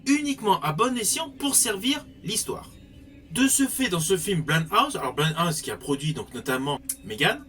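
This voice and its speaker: A man's voice: sits high, sing-song, normal speed, bright, forceful tone, soft background music. A man giving a spoken film review in an articulate way with formal wording.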